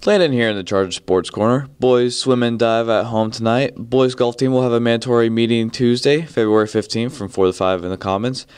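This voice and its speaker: A man's voice: mid-range voice, a little fast, few pauses, a little mellow, clean tone, no echo. A teenage boy reading scripted school sports announcements as a student reporter. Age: teens. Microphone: handheld microphone.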